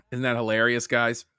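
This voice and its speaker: Bright-voiced jokey podcast host man. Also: mid-range voice, dry recording, clean studio sound. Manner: loose and jokey, says "dude" a lot. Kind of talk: casual comedy podcast chat.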